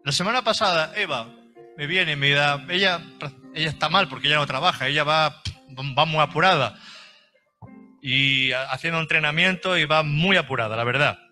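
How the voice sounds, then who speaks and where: A man's voice: a little high, normal speed, sharp tone, faint music behind. A middle-aged man, preaching a sermon as pastor in an emphatic, repetitive way with homely examples.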